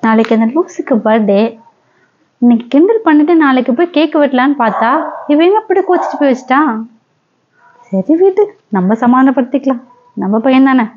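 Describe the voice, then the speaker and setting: A woman's voice: high-pitched, expressive, fairly quick, long pauses, muffled recording, noisy background. A woman playing a young woman who angrily breaks up with her boyfriend on the phone in a comedy skit, scolding and repeating herself. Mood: worried musing.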